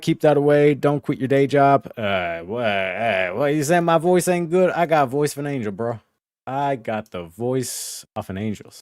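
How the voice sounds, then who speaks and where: Medium in pitch, smooth and a little mellow, this man's voice comes through clean studio sound with no room sound. He's livestreaming a game, talking to chat as he plays, joking and swearing plenty.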